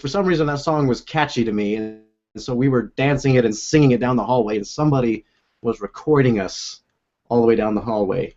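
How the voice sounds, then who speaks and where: A man's voice: mid-range voice, a little mellow, highs cut off. A young man hosting a casual video call chat, rambling and laughing often as he talks from a room at home. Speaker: host. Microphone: own desk microphone.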